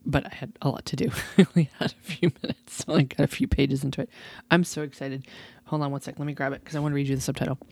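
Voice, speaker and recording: Low-voiced, chatty woman podcast host. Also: fairly even intonation, fast, vocal fry, warm tone, dry recording. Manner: chatty and enthusiastic, laughs often. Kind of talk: casual podcast chat.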